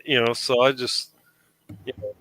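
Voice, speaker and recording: Bright-voiced man in his thirties. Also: medium pitch, little pitch movement, measured pace, a little hiss or hum, low-quality recording. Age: 30s. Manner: rambling, many restarts. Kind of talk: casual chat.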